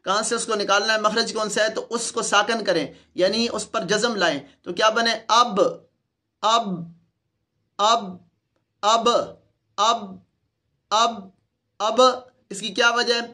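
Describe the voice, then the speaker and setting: A man's voice: high-pitched, fairly even intonation, hardly any pauses, sharp tone. A man with a Pakistani Urdu accent, a Quran teacher patiently demonstrating letter sounds for other teachers in a recorded lesson.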